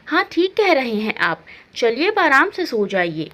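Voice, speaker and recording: A woman's voice: sits high, very animated, fairly bright tone, exaggerated voice. A woman doing a stern mother-in-law. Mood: calm. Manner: measured, lecturing on duty. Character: stern aging mother-in-law of many daughters-in-law.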